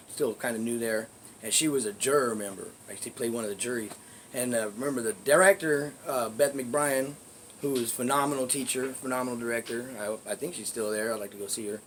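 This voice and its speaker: A man at an ordinary middle pitch tells a long, casual vlog story, swearing freely and rambling between points. His voice sinks into low asides and then rises in loud, emphatic bursts. A faint hiss runs under the recording. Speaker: vlogger telling neighborhood stories.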